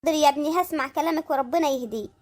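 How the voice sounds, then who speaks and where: A high sped-up voice playing a jealous, nagging middle-aged wife and mother in a comic cartoon, with an Egyptian accent and a shrill, wailing manner. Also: very fast, a little mellow, a little hiss or hum, close to an everyday voice. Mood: scheming. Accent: Egyptian Arabic.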